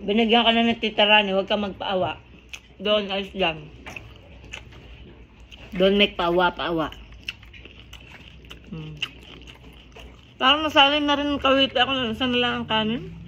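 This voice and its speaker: A woman's voice: mid-range voice, unhurried, pauses often, fairly bright tone, dull audio. A woman with a Filipino accent chats casually to her mukbang viewers, chewing while talking. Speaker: vlogger hosting a mukbang. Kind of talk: casual mealtime vlog chat. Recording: clear background noise.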